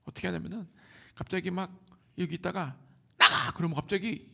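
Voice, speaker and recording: A man with a Seoul Korean accent preaching a Sunday sermon, moving between hushed near-whispers and loud exclamations. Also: high voice, fairly even intonation, fast talker, vocal fry. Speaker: pastor.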